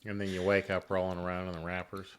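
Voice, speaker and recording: A man's voice: deep voice, monotone, fast talker. A man co-hosting a true-crime podcast, trading dry, teasing banter while recounting the case. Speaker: podcast co-host. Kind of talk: casual true-crime chat.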